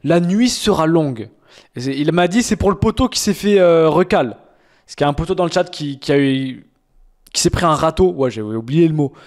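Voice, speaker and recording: High-voiced young man mocking songs. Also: expressive, normal speed, a little mellow. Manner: mocking, slangy, exaggerated complaints. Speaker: streamer reacting to music. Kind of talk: casual stream chat.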